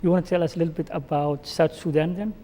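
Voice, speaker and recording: A male host interviews his guests, asking questions and adding short acknowledgements. His voice is fairly high and mellow. A long reverb trails behind it. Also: fairly even intonation, quick pace, a little hiss or hum. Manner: asks friendly questions with short backchannels. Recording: reverberant room.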